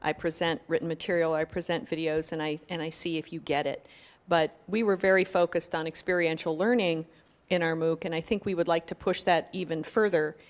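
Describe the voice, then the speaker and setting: A woman's voice: sits low, fairly even intonation, fairly quick. A woman speaking earnestly as a faculty panelist, thinking aloud. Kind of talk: panel discussion.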